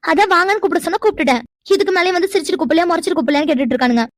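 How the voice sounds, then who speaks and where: A woman voicing a hot-tempered young woman in a cartoon, talking sharp and exasperated. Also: extremely high pitch, lively intonation, rapid-fire, dry recording, clean studio sound. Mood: irritated. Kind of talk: cartoon voice acting.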